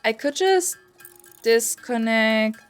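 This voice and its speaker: A young woman streams a game, rambling and swearing freely as she chats with her viewers in casual commentary. Her voice is on the high side, animated, slow, and clean-toned, with faint music in the background.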